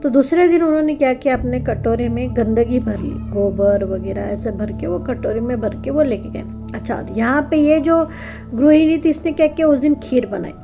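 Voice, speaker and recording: A woman telling a devotional story in a lively, animated manner, adding her own asides. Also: high-pitched.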